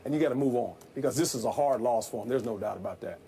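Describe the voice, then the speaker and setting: A man, a former football coach, analyzing a game in a sports debate, folksy and animated, repeating himself. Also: medium pitch, fast talker, creaky, slight background noise.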